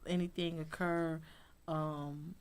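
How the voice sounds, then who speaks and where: A woman guest on a talk show, a fashion designer telling stories in a blunt, chatty way and jumping into a high voice to act out what people said. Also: slow pace. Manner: lively storyteller, acts out quotes in a high voice; blunt, chatty, says "honey" often. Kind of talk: casual talk-show interview.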